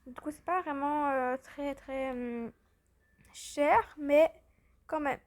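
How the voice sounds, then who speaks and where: A woman chatting through gameplay commentary, rambling and excitable, a little tired from just waking up. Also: sits high, takes it slowly. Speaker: gaming channel host.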